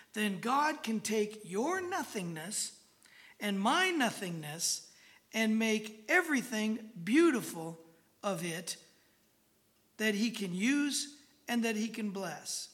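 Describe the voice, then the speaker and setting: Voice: mid-range voice, fairly bright tone. A preacher giving a conversational Bible-teaching sermon in a folksy, informal way, often checking in with the listeners.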